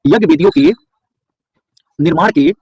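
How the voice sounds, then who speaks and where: A man's voice: sits high, very animated, normal speed, vocal fry, darkish tone, slightly rough, dry recording. A male teacher from Bihar gives an online class lecture, quizzing his students and then answering each question himself, with words repeated for stress.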